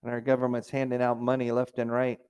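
Middle-aged male pastor, mid-pitched, conversational sermon delivery with mocking whiny asides. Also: monotone, fast talker, a little mellow, clean tone. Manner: conversational preaching, mimics complainers in a raised whiny voice.

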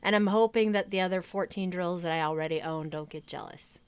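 A woman's voice: lowish voice, a little fast, smooth. A woman hosting a podcast in casual chat, giving dry, wry short replies. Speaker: podcast host.

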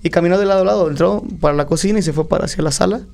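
A man's voice: high voice, rapid-fire, gravelly. A man with a Mexican accent, a podcast guest telling stories in slangy casual chat. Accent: Mexican Spanish. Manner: slangy, animated storytelling.

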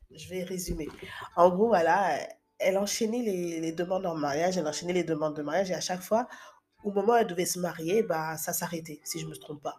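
A woman in her thirties talks through relationship advice in a loose, chatty way. Her voice sits a little low and has a breathy, husky grain. She often pauses on filler sounds and restarts her sentences. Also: darkish tone. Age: 30s. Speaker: advice vlogger. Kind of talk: casual advice talk.

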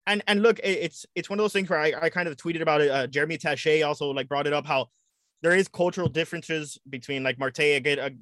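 Bright-toned rambling man. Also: a little high, quick pace, no room sound. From United States. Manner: rambling, stumbling over words. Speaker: podcast guest. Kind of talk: casual chat.

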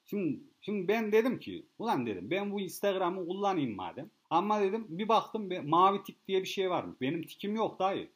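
A man's voice: sits high, big pitch swings, brisk, few pauses, a bit bright. A man telling a rambling, boastful comic story straight to his listeners, swearing freely and repeating himself as he goes. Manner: boastful, profane, rambling, addresses listeners as kids. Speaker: comedic monologue host. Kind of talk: casual rambling comic rant.

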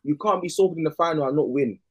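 Quick, husky young London man. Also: on the high side. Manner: slangy. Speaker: football podcast panellist. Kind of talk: casual football analysis.

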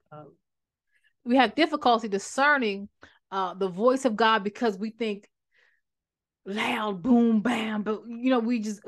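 A woman hosting a podcast, giving a faith-based motivational talk, speaking fast and animated, often repeating and restarting phrases. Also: mid-range voice. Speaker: podcast host and author.

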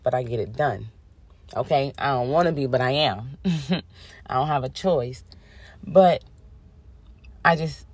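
Low-voiced woman hosting a podcast, under the weather. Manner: warm-toned, affirming, sprinkles in "okay?" and "honey". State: under the weather, voice a bit rough. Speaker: podcast host. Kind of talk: casual spiritual podcast chat.

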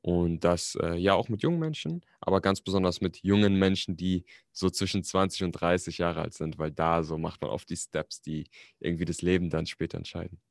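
Young guy with a really low voice, laid back slangy chat, dry sound. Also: fairly quick, creaky, dry recording. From Germany. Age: 20s. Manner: relaxed, slangy, mixes in English words. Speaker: guest. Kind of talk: casual interview chat.

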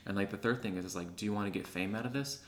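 A man's voice: fairly low pitch, rapid-fire, fairly bright tone, a little hiss or hum. A man co-hosting a podcast, talking earnestly and reflectively in casual chat, often checking in with his listener. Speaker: podcast co-host.

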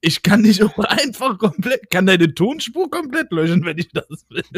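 A man's voice: high voice, big pitch swings, normal speed, slightly rough, no room sound. A man co-hosting a casual podcast, teasing his partner and laughing easily. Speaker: podcast co-host.

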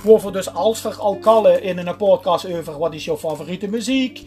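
A man's voice: high-pitched, normal speed, dark tone. Limburg dutch guy podcast host, casual n hesitant, faint music around him. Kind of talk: casual chat.

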